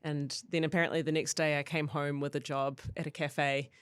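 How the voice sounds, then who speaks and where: A woman from Auckland with a New Zealand accent, a podcast guest telling her story in a candid, animated way. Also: sits low, fairly quick, smooth, no room sound. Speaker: guest, company co-founder. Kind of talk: podcast interview.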